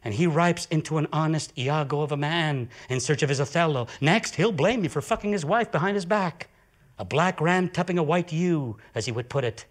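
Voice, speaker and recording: A man performing an intense, profane theatrical monologue with dramatic swings of pitch and volume. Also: normal speed. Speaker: solo stage performer.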